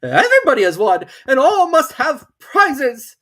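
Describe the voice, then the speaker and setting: A woman's voice: high-pitched, big pitch swings, unhurried, a bit bright, voice pushed up, exaggerated voice. A woman voicing a solemn, grandiloquent storybook dodo with a ponderous, declaiming manner. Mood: grand declaring. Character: solemn, grandiloquent old-fashioned dodo, easily offended.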